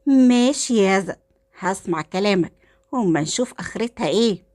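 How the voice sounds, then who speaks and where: A woman voicing a scheming young wife with an Egyptian accent, sharp and indignant. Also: mid-range voice, moderate pace, close to an everyday voice. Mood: angry. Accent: Egyptian Arabic.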